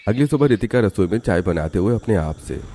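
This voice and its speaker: A man narrating an animated cartoon story in a steady storytelling manner. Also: lowish voice, a little fast, slight background noise.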